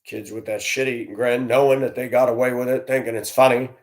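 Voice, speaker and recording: A man's voice: mid-range voice, fairly even intonation, a little fast. A man who used to drive a school bus, telling his own story in an earnest, heartfelt way while venting his frustrations. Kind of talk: candid personal storytelling.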